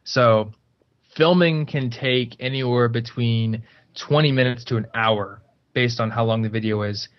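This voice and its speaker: A man's voice: mid-range voice, steady tone, a little slow. A man talks as a guest in a casual podcast interview. He explains things step by step and fills his talk with "like". The recording sounds somewhat dull and lo-fi. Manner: chatty, explains step by step with many "like" fillers. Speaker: guest, YouTuber.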